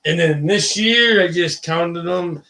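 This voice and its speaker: A man's voice: on the high side, slow, bright, forceful tone. A man chatting casually and colloquially on a livestream, rambling and restarting, pronouncing his R's as W's. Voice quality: cannot pronounce R, says w for r. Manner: rambling, colloquial, self-interrupting. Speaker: guest, ball python breeder.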